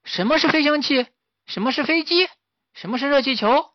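A man voicing a band of eager, chattering little monkeys in a spoken children's story, with high excited questions. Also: a little fast, no echo. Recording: slightly muffled dry recording.

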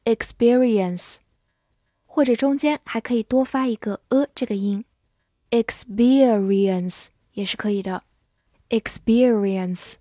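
Woman teacher, slightly high voice, slow spelled-out vocabulary lesson. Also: dark tone, no echo. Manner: slow, spells words letter by letter.

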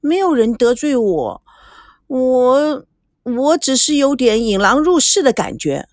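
A woman voicing a tearful, indignant teenage granddaughter who pleads in a high, whiny voice. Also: very animated, slow pace, dry recording, studio quality, full character voice. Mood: pouting.

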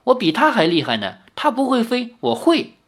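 A woman voicing a bold, cheerful young swordswoman who talks quickly in a lively, teasing way in a storybook reading. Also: on the high side, slightly rough, pitched above the performer's own voice, heavily acted.

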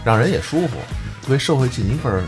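A man with a Beijing accent in casual chat, telling stories in a colloquial, animated way. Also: mid-range voice, fast talker, over music. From Beijing, China. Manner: colloquial, animated agreeing and re-enacting. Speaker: podcast panelist.

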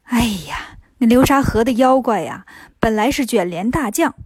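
Woman doing a patient bodhisattva, gently scolding, high and dry, storybook. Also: animated, moderate pace, breathy edge, no echo. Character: patient motherly female bodhisattva.

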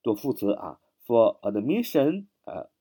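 Man, vocabulary teacher, mellow tone, animated pitch, repetitive, spells letter by letter. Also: breathy edge. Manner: patient, repetitive, ends phrases with drawn-out particles. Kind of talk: spoken lesson, spelling words letter by letter.

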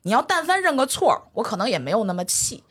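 A middle-aged woman, a guest telling a workplace story in expressive casual chat, acting out quoted lines. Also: on the high side, quick pace, husky. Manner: expressive, quotes people with voices.

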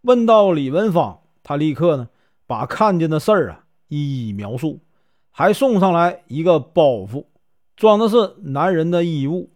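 A man telling a folk tale in a lively, chatty way, with drawn-out fillers. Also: on the high side. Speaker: storyteller. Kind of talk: folk storytelling narration.

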